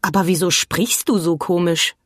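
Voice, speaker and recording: A woman voicing a puzzled, thoughtful young boy who talks slowly and carefully. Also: fairly low pitch, steady tone, a bit bright, husky, dry recording, clean studio sound.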